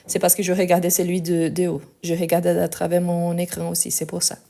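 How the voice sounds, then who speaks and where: A woman's voice: on the low side, monotone, fairly quick, gravelly, dark tone. Patient woman teaching French on a live phone stream. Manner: patient, spells out letters, thanks viewers. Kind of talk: live online grammar lesson.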